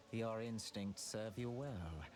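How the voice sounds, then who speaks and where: Slow, menacing theatrical villain. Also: male voice, fairly low pitch. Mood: mocking menace. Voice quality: pompous, archaic diction. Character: arrogant sorcerer villain, male, coldly mocking and grandiose. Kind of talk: scripted video game voice acting.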